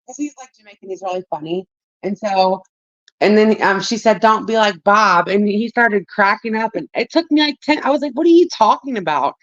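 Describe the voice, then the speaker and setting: A woman's voice: medium pitch, fairly quick, dry recording. A woman co-hosting a livestream, rambling through casual gossip commentary, laughing often and swearing freely. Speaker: livestream co-host. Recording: dull dry lo-fi stream audio.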